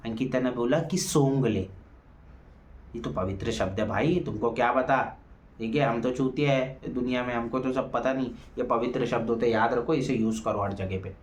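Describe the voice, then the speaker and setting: A man's voice: medium pitch, brisk. A man giving a heated, mocking review of a reality show episode, talking straight to his viewers. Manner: heated, mocking, addresses viewers as guys and friends. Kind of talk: opinionated show review commentary. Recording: echoey room.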